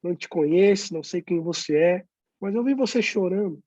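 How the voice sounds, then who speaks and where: A man's voice: high voice, darkish tone, no room sound, highs cut off. A man, a pastor, telling stories of sharing his faith and acting out the conversations. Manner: storytelling, acts out dialogue, pauses with "né?". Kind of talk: testimony in a youth talk.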